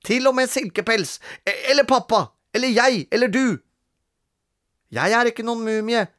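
A storyteller voicing a mischievous young boy who talks his way out of trouble in a loud, sly, persuasive way. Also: medium pitch, pitched above the performer's own voice, close to an everyday voice. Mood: dramatic.

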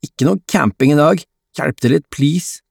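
A man's voice: a little high, creaky, slightly rough, dry recording, studio quality, voice pushed up. A man voicing a bossy, upbeat teenage boy organising his friends in a storybook reading. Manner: loud, organising.

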